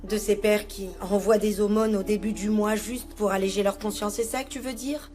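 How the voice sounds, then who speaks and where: A woman's voice: mid-range voice, steady tone, normal speed, a little mellow, faint music behind, close to an everyday voice. An actress dubbing a distraught young mother who pleads with and soothes her baby in a telenovela. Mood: resentful. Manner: pleading, tender. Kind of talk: dubbed telenovela acting.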